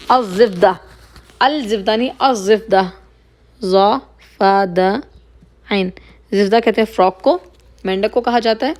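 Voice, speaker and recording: A woman teaching Arabic vocabulary, saying each word slowly, repeating it and explaining its meaning. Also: mid-range voice. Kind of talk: slow explanatory lesson, mixing Hindi-Urdu and English.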